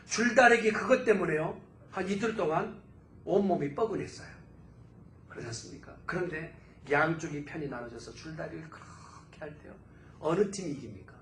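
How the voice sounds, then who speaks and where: A man delivers a sermon from the pulpit of a church sanctuary. His fairly high voice rises and surges with fervent emphasis. The hall adds a noticeable echo over a faint background hum. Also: normal speed. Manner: fervent preaching, swelling to loud exclamations. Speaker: pastor.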